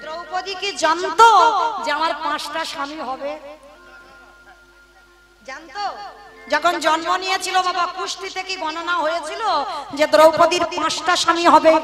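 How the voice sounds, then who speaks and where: Woman kirtan storyteller, very high voice, music playing behind. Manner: animated, addresses listeners directly. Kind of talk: devotional story sermon.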